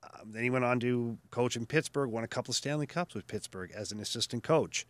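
A man co-hosting a casual sports podcast, giving opinionated, animated takes on hockey trades and staff moves. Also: mid-range voice, a little fast, dry recording. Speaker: podcast co-host.

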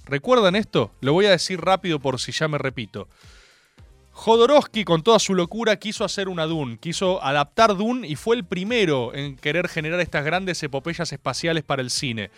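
A young man with an Argentine accent hosting a radio show, rambling through stories in an animated, jokey way. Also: on the high side, dry recording. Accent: Argentine Spanish. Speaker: radio host. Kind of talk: casual radio monologue.

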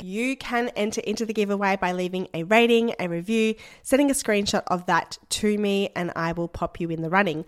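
The woman hosting this podcast keeps things casual and cheerful, laughing a lot despite a chest infection that leaves her voice congested. She speaks at a medium pitch in a dry, studio-quality recording.

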